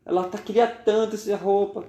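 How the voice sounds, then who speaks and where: A man's voice: high-pitched, steady tone, brisk, warm tone, roomy sound, pitched above the performer's own voice, lightly acted. A man voicing a poor mother who pleads with a shopkeeper, raised and urgent. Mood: pleading.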